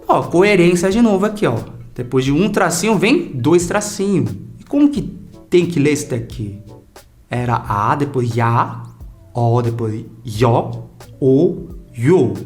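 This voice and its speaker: A man teaches an online language lesson in a chatty, relaxed way, pausing to drill sounds for his students to repeat. His voice sits a little high and swings widely in pitch. Faint music plays underneath.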